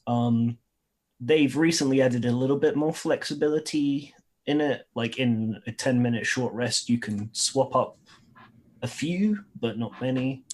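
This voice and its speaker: Husky guy, middle pitch, casual tabletop rpg player chat. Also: measured pace, a little mellow.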